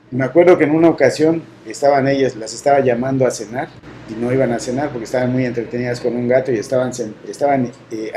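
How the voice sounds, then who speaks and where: A middle-aged man from Mexico, telling a personal faith story in an earnest, halting way. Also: medium pitch, mellow, slight background noise, low-quality recording. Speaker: guest sharing testimony.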